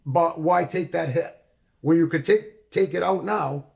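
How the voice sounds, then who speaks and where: A man's voice: on the high side, a little slow, vocal fry. A man in casual chat on a barbershop show, insistently repeating warnings and swearing freely. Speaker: regular on a barbershop talk show.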